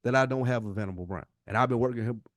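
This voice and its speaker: Speaking rapid-fire in a medium-pitched voice, an American podcast co-host shares a candid heart-to-heart. The studio sound is clean with no echo, and he's earnest and emphatic, repeating himself for emphasis.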